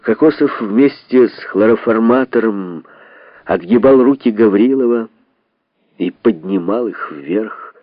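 A man giving a measured literary reading with dramatic pauses, on a dull, lo-fi recording. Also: fairly low pitch, no room sound. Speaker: reader. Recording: dull lo-fi dry sound.

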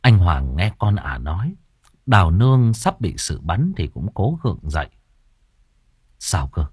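A man narrating a dramatic story as an audiobook reader, expressive and swinging in pitch. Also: moderate pace, husky, no room sound, studio quality.

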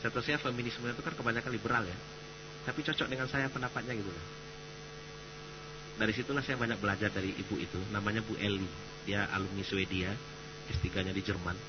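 A man's voice: lowish voice, fast talker, pauses often. A man from Sumatra giving a casual, joking religious lecture as a preacher. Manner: chatty, joking, animated. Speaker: Islamic preacher. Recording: dull recording with mains hum.

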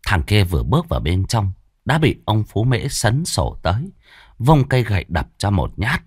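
A man narrating a ghost story in a measured, expressive way. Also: fairly low pitch, slightly rough, no echo, clean studio sound.

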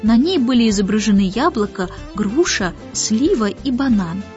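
A woman reading a children's story aloud in a lively storytelling manner. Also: fairly high pitch, normal speed. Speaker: audiobook reader. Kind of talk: scripted narration. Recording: muffled audiobook with faint music.

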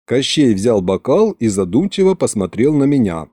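A man narrating a humorous fantasy audiobook with lively storytelling intonation. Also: medium pitch, moderate pace, breathy edge, no room sound, studio quality. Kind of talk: scripted narration.

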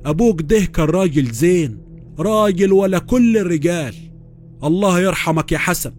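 A man's voice: medium pitch, brisk, faint music behind, natural voice. A man voicing a kindly old village man with an Upper Egyptian accent, hearty and sorrowful in an audio horror story. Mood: earnest. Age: older.

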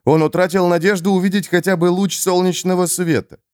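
A man narrating a fantasy novel in an expressive, dramatic audiobook reading. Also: high voice, brisk, no room sound, clean studio sound. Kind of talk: scripted narration.

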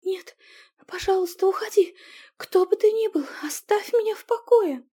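A woman voicing a frightened, tender young woman in love, speaking in a high, pleading voice. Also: expressive, a little slow, dark tone. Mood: desperate.

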